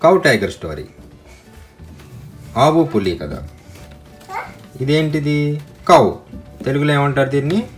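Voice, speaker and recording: Woman telling a kids' story, low voice. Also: animated, takes it slowly, pauses often, faint music behind. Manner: asks the listener questions, mixes in sound effects. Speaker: storyteller for children. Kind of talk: telling a picture story to a child with questions.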